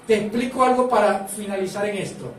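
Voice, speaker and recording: A man's voice: high-pitched, a little fast, reverberant, distant mic, rough recording. A man preaching a sermon as pastor, prompting the congregation to repeat phrases back to him.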